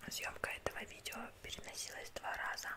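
A young woman whispering softly through an eating vlog with her mouth partly full. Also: fast. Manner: soft unvoiced whisper throughout. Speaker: mukbang vlogger.

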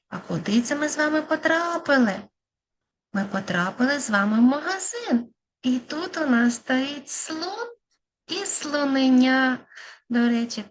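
A woman speech therapist giving a lesson to young children, sounding out words slowly syllable by syllable and encouraging them. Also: on the high side, a little hiss or hum. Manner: slow, syllable-by-syllable, encouraging teacher talk.

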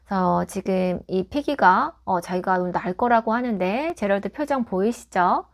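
A woman reviewing a children's picture book, explaining it patiently and clearly and modelling English pronunciation tips. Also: medium pitch, expressive, moderate pace.

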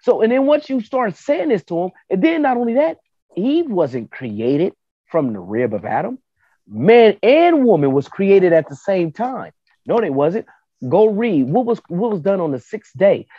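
A man's voice: high voice, moderate pace, no room sound. A man in casual podcast chat, telling stories and arguing his point by acting out both sides of a conversation. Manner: animated, argumentative storytelling with quoted back-and-forth. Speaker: podcast panelist. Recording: dull lo-fi podcast audio.

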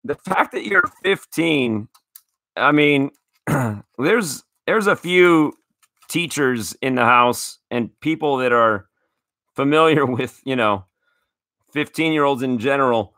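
A man's voice: mid-range voice, animated, slow, pushed and bright, no room sound, clean studio sound. A man hosting a casual card-opening show, enthusiastic and grateful, often restarting his sentences. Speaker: card collecting show host.

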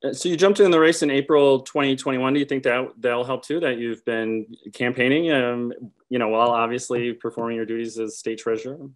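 A man's voice: medium pitch, fairly even intonation, a little fast. A man in his thirties asking questions in a conversational political interview over a video call from home. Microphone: video call, computer mic.

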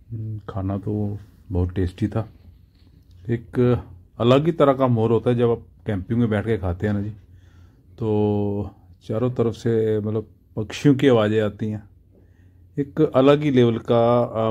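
An older man from Jammu, India, chatting casually to his viewers in a relaxed vlog at a campsite. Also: on the low side, unhurried, pauses often. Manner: relaxed, chatty, polite filler "ji". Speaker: vlogger. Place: outdoors at a forest campsite.

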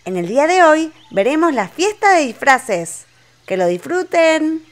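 Woman voicing a bright, sing-song little toy pig. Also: high-pitched, big pitch swings, a little slow. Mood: cheerful welcome. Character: cheerful little female toy pig, Peppa's friend.

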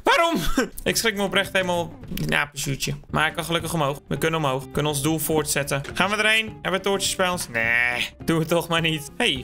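A man in the middle of a let's play, cracking jokes at his own expense and bursting into sudden yelps. His voice sits a little high and sounds bright and forceful, with faint music underneath. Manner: excitable, joking, self-mocking, sudden yelps. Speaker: gaming YouTuber.

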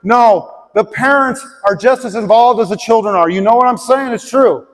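High-voiced man preaching in a reverberant hall. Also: moderate pace. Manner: conversational, direct, asks the congregation questions. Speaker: pastor. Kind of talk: sermon. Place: large church auditorium with a stage, seated congregation.

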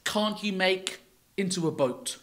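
A man's voice: high voice, unhurried, fairly bright tone. A man, a children's pastor, cracking goofy puns and rambling through fruit and veg jokes on a kids' church show. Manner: goofy, pun-loving, rambling.

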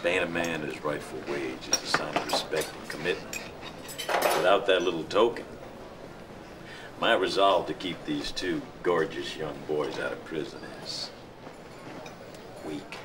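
An actor playing a crooked, scheming old small-town lawyer who talks in a smooth, folksy, often hushed and whispery way. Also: male voice, very deep voice, a little slow, long pauses, background noise. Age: older.

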